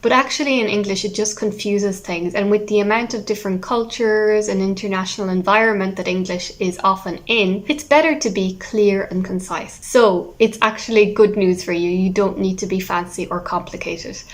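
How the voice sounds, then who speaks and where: Irish woman, english teacher, young adult, musical, expressive, stresses words. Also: mid-range voice, normal speed, hardly any pauses. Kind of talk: online English lesson.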